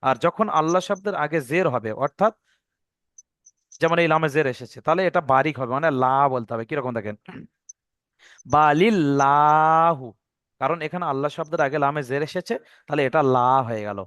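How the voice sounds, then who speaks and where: A man's voice: on the high side, lively intonation, fast talker, a bit bright, dry recording, clean studio sound. Patient man teaching Quran reading rules. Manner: patient, repeats rules step by step, checks understanding. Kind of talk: online Quran reading lesson.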